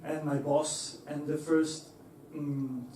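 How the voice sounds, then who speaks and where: Speaking slowly in a warm, level tone on the high side, this young man is an engineer presenting to a lecture-hall audience. His delivery is hesitant, packed with fillers and restarts, and he laughs easily. Slight background noise accompanies the distant, echoey hall sound.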